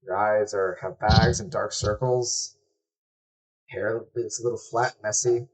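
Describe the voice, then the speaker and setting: A man narrating a tabletop game as game master in a relaxed, descriptive way with casual fillers. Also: lowish voice, unhurried.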